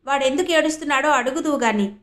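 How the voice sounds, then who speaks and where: A woman voicing a bustling, chatty village mother who fusses and talks briskly. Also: sits high, lightly acted. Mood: fussing. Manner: brisk, fussing.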